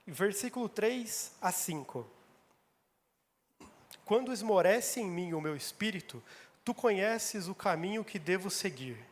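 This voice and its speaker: Pastor, male, fairly high voice, emphatic repeating sermon, reverberant church hall. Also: lively intonation, measured pace. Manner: emphatic, repeats phrases for stress.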